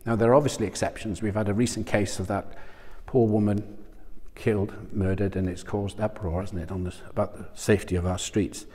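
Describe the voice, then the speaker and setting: Speaking on a lapel mic in a small church studio room before a screen, a male church speaker delivers a conversational sermon, often posing questions to his listeners. His fairly low, steady, mellow voice has a breathy edge, moves a little fast, and echoes as if in a large hall.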